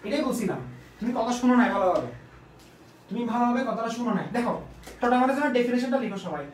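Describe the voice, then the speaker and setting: A man's voice: very high-pitched, lively intonation, fast talker. Man teaching in an echoey room. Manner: repeats questions to students and answers them himself. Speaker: chemistry tutor. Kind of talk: casual online lecture. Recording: echoey room, distant mic, faint noise.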